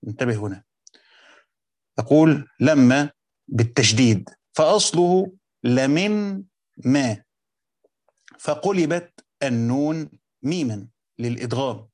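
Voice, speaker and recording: A man with an Egyptian accent teaching a class on Quranic commentary. He explains step by step, repeats words and reads quoted text slowly. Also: medium pitch, darkish tone, no room sound, clean studio sound. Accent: Egyptian Arabic. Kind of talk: classroom lecture with text reading.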